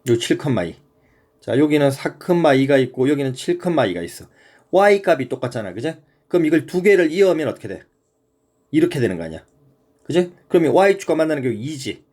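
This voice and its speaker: A male math teacher explaining graphs in an easygoing, chatty manner. His voice sits a little high for a man and swings widely in pitch as he checks in with the student. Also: big pitch swings, fairly quick, darkish tone. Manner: casual, keeps checking in with the student. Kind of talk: informal math lesson.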